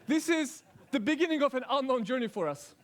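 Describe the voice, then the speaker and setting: A man's voice: very high voice, lively intonation, brisk, a little hiss or hum. A chatty good virus, played by a man. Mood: playful, chatty. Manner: playful, chatty, addresses audience as children. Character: friendly talkative good virus. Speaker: science talk contestant. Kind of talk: first-person stage science talk.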